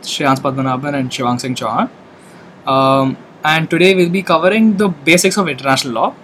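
A man's voice: medium pitch, a bit bright, slight background noise. A man hosting a discussion podcast, introducing guests and the agenda in an orderly way. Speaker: podcast host.

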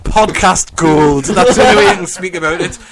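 A man's voice: sits high, fairly quick, over a noisy crowd. A man hosting a casual podcast, joking and laughing often as he runs the chat. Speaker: podcast host.

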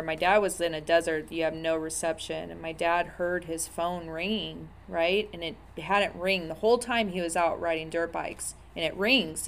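A woman in her thirties telling her own story candidly, in a blunt, profane way with many fillers. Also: lowish voice.

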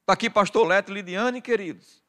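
A middle-aged man with a Brazilian Portuguese accent, preaching a sermon as pastor, calling the congregation "dear" over and over and swinging from hushed to loud. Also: high-pitched, a little fast. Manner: addresses the congregation as "querido" constantly, swings from quiet to loud.

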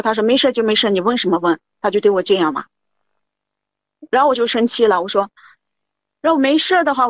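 A woman telling her story to a show host. She runs her words together quickly and talks in loops, repeating herself as she recounts each exchange. The audio is dry and muffled. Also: medium pitch, dry recording. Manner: rambling, keeps repeating "I said". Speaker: caller. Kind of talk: confiding call-in account.

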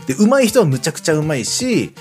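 Animated, quick-talking man on a games podcast. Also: fairly high pitch. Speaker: podcast co-host reviewing games. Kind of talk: casual panel chat. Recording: music playing behind the talk.

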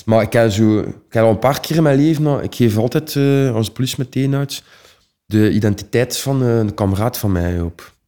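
A man's voice: medium pitch, brisk, warm tone, clear, resonant tone. A young Flemish man telling his own stories casually, rambling in a streetwise way with many fillers. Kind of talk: casual personal storytelling.

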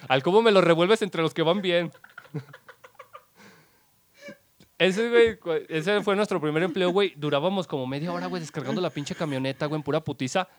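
Young Mexican male co-host, high and dry, joking storyteller. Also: no echo. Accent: Mexican Spanish. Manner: joking, acts out bosses and job scenes in quick voices. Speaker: podcast co-host. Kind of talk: casual comedic chat.

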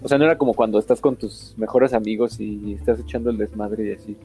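A man's voice: fairly low pitch, fairly even intonation, quick pace, dark tone, faint music behind. A young man with a Mexican accent reminiscing casually with a friend, hesitant and often searching for his words.

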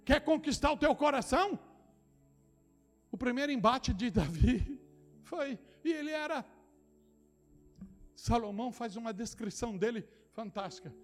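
Soft music plays behind a middle-aged Brazilian pastor from São Paulo as he delivers a sermon, dropping to low, close asides before erupting into shouted proclamations. He speaks with a São Paulo Portuguese accent, animated yet measured, leaving long pauses and repeating phrases straight to his congregation.

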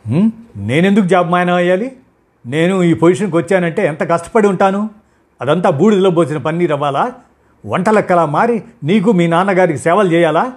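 A proud working wife, quick to anger, her voice raised high and loud with a breathy rasp. She argues indignantly and will not back down, as a male storyteller puts her on. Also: animated. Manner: shouting, indignant, heated. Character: angry young working wife, proud, sharp-tongued.

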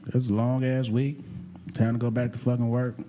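A man co-hosting a casual talk show, telling a story in an animated, profane way. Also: mid-range voice, a little fast, background noise. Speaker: podcast co-host telling a vacation story. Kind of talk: casual chat.

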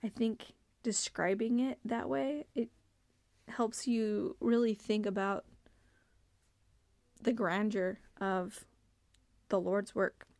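A woman's voice: mid-range voice, fairly even intonation, takes it slowly, pauses often, darkish tone, no room sound. A woman hosting a devotional podcast for mothers, talking in an earnest, heartfelt, conversational way with many fillers. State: tearful, choked up. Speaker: podcast host.

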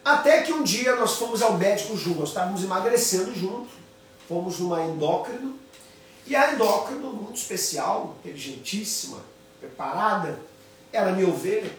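A man preaches in a story-driven way, his voice sitting fairly high. He sounds a little off-mic in a very echoey room. There is a faint hum of ambience behind him. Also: lively intonation, normal speed, a bit bright, recorded from a distance. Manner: storytelling, repeats phrases for emphasis. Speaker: pastor. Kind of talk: sermon with personal stories. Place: home office.

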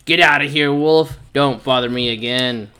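A man voicing a rude, grumpy male little pig in a storybook, snapping loudly. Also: medium pitch, moderate pace, smooth, natural voice.

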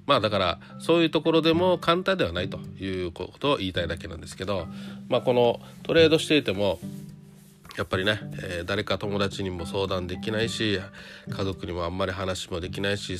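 A man's voice: low-pitched, brisk. A man giving a casual solo monologue to viewers, chatty and full of rhetorical questions and little tag fillers. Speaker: trader talking to viewers. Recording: guitar music under the voice.

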